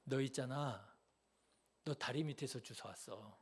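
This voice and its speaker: A man voicing a teasing middle-aged uncle who fools his young nephew, in a low, hushed, conspiratorial tone. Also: lively intonation, moderate pace.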